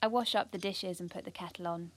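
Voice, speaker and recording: A young British woman with a fairly low, rather bright voice speaks quickly and steadily in first-person audio drama narration. She plays an earnest, ambitious, anxious schoolgirl confiding her story, in a reflective mood.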